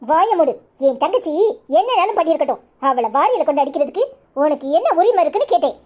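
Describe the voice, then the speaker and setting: A quarrelsome young village wife, played by a woman, in a cartoon, scolding and sarcastic with a Kanyakumari Tamil accent. Her voice sits high and leaps up and down as she nags. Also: expressive, fast talker, mellow. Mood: angry. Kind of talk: cartoon voice acting.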